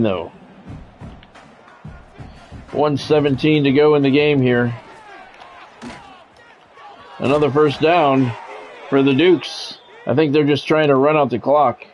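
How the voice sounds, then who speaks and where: Soft music sits in the background as a medium-pitched man with a steady tone speaks a little slowly, leaving long pauses. He calls a football video game in short, clipped phrases with casual, dry and blunt asides, working as a sports video game streamer and commentator. The recording comes from a dull, lo-fi mic with faint noise.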